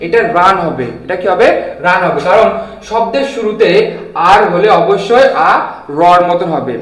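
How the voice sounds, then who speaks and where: A man's voice: sits high, lively intonation, normal speed, roomy sound, low-quality recording. A young man teaching an English lesson at a board. He keeps quizzing his students with repeated questions. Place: classroom with a board.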